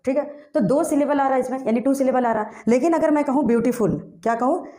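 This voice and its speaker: Soft-toned woman teaching grammar. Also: high-pitched, fast. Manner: asks questions and answers them herself, spells words letter by letter. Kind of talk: classroom grammar lesson.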